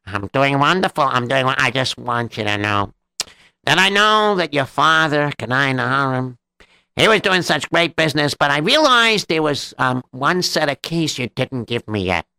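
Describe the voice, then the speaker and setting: A man's voice: mid-range voice, sing-song, normal speed, vocal fry, sharp tone, smooth, no room sound, full character voice, poor audio. A man voicing a greedy, scheming swindler who talks his way into a store and gloats over robbing it. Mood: wheedling. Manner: wheedling, gloating. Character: greedy scheming male swindler, smooth-talking.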